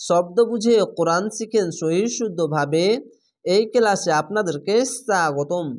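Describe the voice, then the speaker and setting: A man teaching Quran reading, spelling out Arabic words slowly syllable by syllable. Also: high voice. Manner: slow, drawn-out syllable-by-syllable spelling and chanting. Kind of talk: spelling-out Quran recitation lesson.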